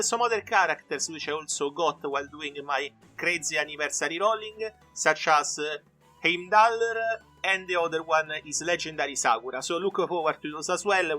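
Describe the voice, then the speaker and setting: A man's voice: fairly high pitch, sharp tone. A man hosting a gaming video, giving casual showcase commentary.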